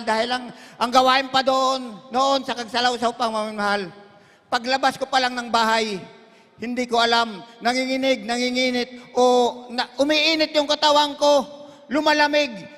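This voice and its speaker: A man's voice: very high-pitched, steady tone, moderate pace, pushed and bright, big-room sound. A man giving an emotional healing testimony to a congregation, who keeps calling his listeners beloved and breaks into hallelujahs. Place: crusade gathering in a large hall.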